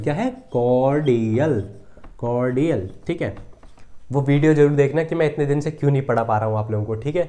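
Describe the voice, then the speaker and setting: A man's voice: medium pitch, a little mellow. A man teaching English vocabulary in a casual online lesson, repeating each word and checking often that students follow. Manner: repetitive, checks understanding often, drills words.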